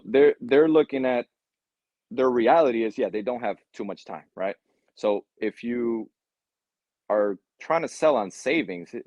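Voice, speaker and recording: A man's voice: medium pitch, a little mellow, no room sound. A man being interviewed about solar sales, talking casually with stammering restarts and saying "man" and "right?" a lot. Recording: dull lo-fi, dry sound.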